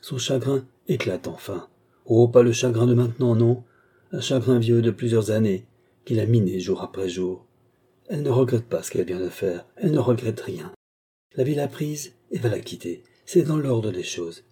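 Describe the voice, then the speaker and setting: Measured male audiobook narrator, husky. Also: medium pitch, dark tone. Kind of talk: scripted narration of a crime novel.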